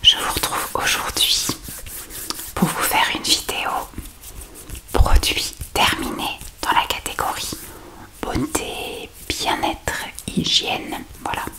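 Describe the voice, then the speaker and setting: A woman's voice: slow pace, bright, forceful tone. A woman whispers an ASMR product review very close, right in the listener's ear. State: ill with a cough. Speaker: beauty product review video creator.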